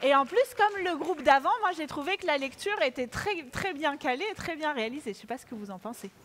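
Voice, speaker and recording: A woman with a high voice hosts a children's award ceremony in a large, echoey auditorium, speaking a little fast. She's animated and playful, coaxing the audience to join in, with a faint crowd and slight hiss or hum in the background.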